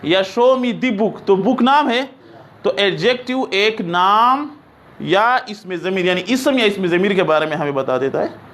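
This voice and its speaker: High-voiced male English teacher lecturing. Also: animated, fairly bright tone. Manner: explains slowly, repeats examples, checks understanding. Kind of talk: classroom lecture.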